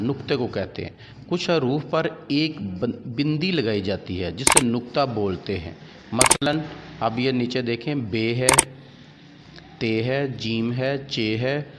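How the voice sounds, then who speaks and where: A man with an Urdu accent teaches a grammar lesson at an unhurried, deliberate pace, reading out examples one after another. The recording is dull and lo-fi, with a long reverb tail and faint hiss behind him. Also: mid-range voice.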